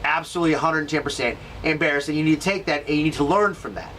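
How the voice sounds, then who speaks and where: A male sports vlogger from the Seattle area rambles through his thoughts in a casual, somewhat high voice, restarting sentences and leaning on fillers. He sits a little back from the mic, with a faint hiss underneath. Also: fast talker, pushed and bright, distant mic, rough recording. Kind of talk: casual vlog commentary.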